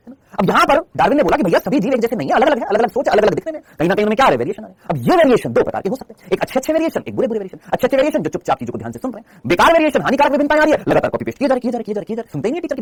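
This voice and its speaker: A man's voice: very high voice, breathy edge, dry recording. A man teaching a biology exam-prep lecture, asking his students questions, answering them himself and teasing students by name.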